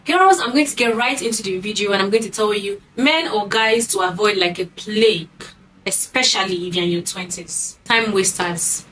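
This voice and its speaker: A woman's voice: medium pitch, moderate pace, rough recording. Sassy woman giving dating advice. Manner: sassy, emphatic, scolding asides. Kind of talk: casual talk to camera.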